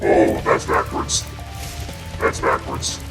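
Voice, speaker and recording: A streamer playing a platform game through a voice changer that makes the voice very deep, joking and mocking their own playing in casual commentary. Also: completely flat delivery, slow, gravelly. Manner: goofy and self-mocking. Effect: voice changer pitching the voice very deep. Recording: echoey and distant, game music behind. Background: game music.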